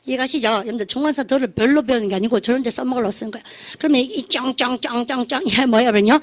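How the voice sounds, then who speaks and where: A woman's voice: on the high side, rapid-fire. Chatty woman teaching English. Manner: chatty, drills students with call-and-response, laughs at own jokes. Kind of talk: lively classroom lecture.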